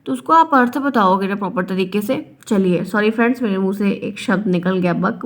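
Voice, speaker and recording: Young female teacher, higher register, patient and repetitive explainer for an online lesson. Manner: explains by repeating, acts out example sentences. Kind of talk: online Hindi grammar lesson.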